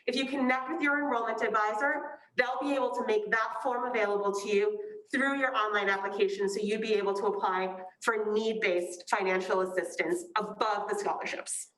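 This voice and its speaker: A woman's voice: medium pitch, fairly even intonation, brisk, hardly any pauses, a bit bright. A woman hosting a virtual open house for a school, talking with fillers and introducing students. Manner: friendly, hesitant with fillers. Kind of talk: hosting a webinar. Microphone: video call. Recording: echoey room, faint noise.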